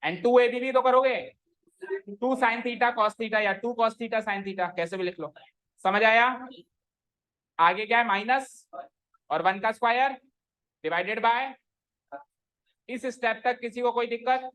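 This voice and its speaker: A man's voice: very high voice, steady tone, slow pace, pauses often, sharp tone, low-quality recording. Man teaching maths, checking for doubts. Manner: checks often for doubts, informal Hindi-English mix. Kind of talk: online class lecture.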